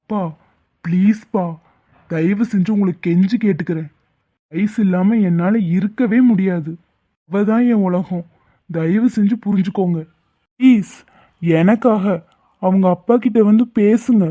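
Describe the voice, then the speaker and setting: A man's voice: high-pitched, measured pace, pauses often. A man voicing a desperate, lovesick younger son who pleads and then turns fierce and bitter. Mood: pleading. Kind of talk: Tamil cartoon voice acting. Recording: tinny phone-like lo-fi audio.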